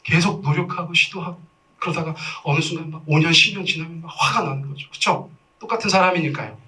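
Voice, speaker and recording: A man in his forties preaching a sermon as pastor, telling stories with animated, self-mocking humor and acted quotes. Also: a little high, fast talker, far from the mic. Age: 40s. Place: church sanctuary.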